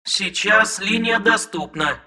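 A man voicing a calm, slow, official recorded information voice. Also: sits high, faint music behind, voice pushed up, exaggerated voice. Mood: detached.

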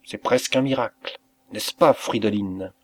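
A man's voice: lowish voice, moderate pace, lightly acted. A man voicing an emotional, grateful innkeeper who speaks in raised, exclamatory bursts. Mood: earnest. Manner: effusive, exclamatory.

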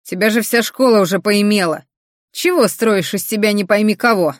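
A woman voicing a rough teenage boy who talks crudely and loudly in a storybook reading. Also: medium pitch, normal speed, no room sound, studio quality, lightly acted. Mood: brash.

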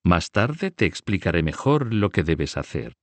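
Man playing a cunning older banker, smooth, persuasive, lively inflection. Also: low voice, unhurried, dry recording, exaggerated voice. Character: cunning older Italian male banker, soft-spoken.

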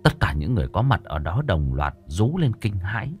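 A man narrating a ghost story in a suspenseful, expressive way. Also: low voice, a little fast, faint music behind.

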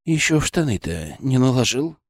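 A man voicing a gruff, blunt, middle-aged male surgery chief who teases and bosses his colleague. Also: mid-range voice, very animated, normal speed, dry recording, clean studio sound. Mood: mocking. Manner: teasing, blunt, bossy.

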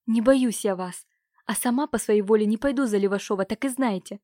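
A woman's voice: mid-range voice, a little fast, dark tone, no echo, studio quality, natural voice. A woman reading a defiant young noble girl. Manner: defiant, pleading. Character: stubborn, desperate 18-year-old noble girl.

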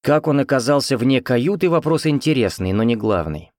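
A man's voice: medium pitch, lively intonation, moderate pace, darkish tone, no echo, clean studio sound. A man reading first-person fiction as an audiobook narrator, in a conversational, wry storytelling manner.

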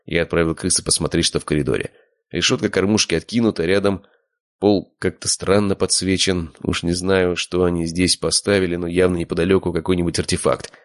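A man narrating a first-person audiobook in a measured, even storytelling manner. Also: sits low, no room sound, studio quality.

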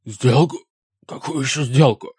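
A man voicing a defeated, distrustful orc king with a growling, hoarse voice. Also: mid-range voice, measured pace, darkish tone, dry recording, clean studio sound. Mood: suspicious. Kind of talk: audiobook character voice.

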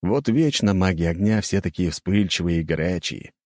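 A man narrating a first-person audiobook in a lively, expressive way. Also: sits low, moderate pace, no room sound, clean studio sound.

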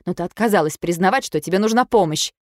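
A woman reading an audiobook, voicing a blunt young woman who speaks forcefully and reproachfully. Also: lowish voice, quick pace, no room sound, studio quality, lightly acted. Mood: angry, reproachful. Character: young woman, blunt, sharp-tongued friend.

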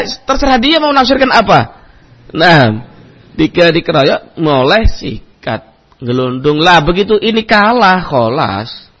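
A man giving a religious lecture as a preacher, telling a story in an animated way and acting out the people in it. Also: high-pitched, breathy edge. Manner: animated, acts out quoted voices, mixes in Arabic terms. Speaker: Islamic preacher.

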